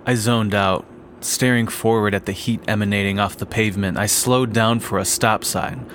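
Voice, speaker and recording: A man narrating a first-person story in a slow, deliberate way. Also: fairly low pitch, steady tone, fairly bright tone, slight background noise.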